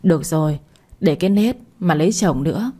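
A woman's voice: low-pitched, lively intonation, a little fast, dark tone, slightly rough. A woman voicing a playful older brother teasing his sister.

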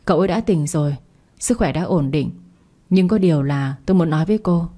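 A woman voicing a serious hospital doctor delivering worrying news in a measured way. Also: deep voice, animated, warm tone. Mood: grave. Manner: grave, measured.

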